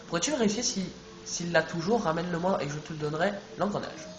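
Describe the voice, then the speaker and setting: A man's voice: a little high, fast talker, background noise, lightly acted. A man reading out a washed-up cartoon detective. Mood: glum. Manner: reads dialogue aloud plainly. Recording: echoey room, music behind.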